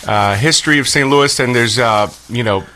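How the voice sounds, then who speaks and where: A middle-aged man, a pizzeria owner guest in a casual interview, talking haltingly with many filler sounds. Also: mid-range voice, sharp tone.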